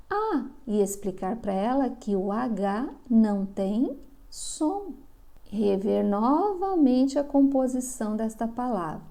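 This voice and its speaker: A middle-aged woman from Brazil walks parents through a reading lesson, stretching each syllable slowly. Her voice is a little high yet mellow and dark. A gravelly fry runs through her delivery. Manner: slow, drawn-out sounding of syllables. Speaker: literacy teacher. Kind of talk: instructional explanation for parents.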